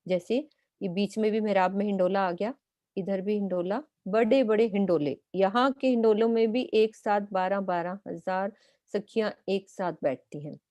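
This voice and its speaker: Mellow-voiced woman teaching patiently. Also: medium pitch, normal speed, no echo. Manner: patient, step-by-step, points out details on a map. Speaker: spiritual teacher. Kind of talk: explanatory lesson.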